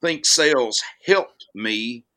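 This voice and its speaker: Old southern gentleman type guy, southern us accent, slow folksy talker w a bright edgy voice, casual interview chat. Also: mid-range voice, lively intonation. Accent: Southern American. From Alabama, United States. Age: older. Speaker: podcast guest, actor.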